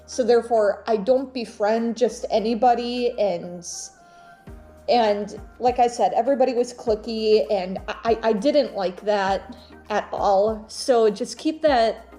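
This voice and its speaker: A woman's voice: on the high side, dark tone. A young woman vlogger chatting casually and telling personal stories, often stopping and repeating her words as she goes. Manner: halting, repeats words and phrases.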